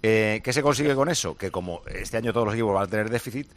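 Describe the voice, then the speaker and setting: Quick explanatory commentator, man. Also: fairly low pitch. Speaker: radio commentator. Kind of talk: explaining finance on sports radio.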